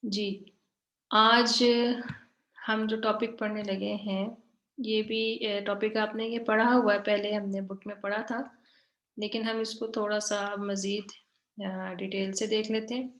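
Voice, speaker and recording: A woman with a mid-range, level, fairly bright voice teaches Quranic grammar online from an echoey room. Going over her slides, she repeats herself often, checks in with "theek hai," and pronounces the example words slowly and drawn out.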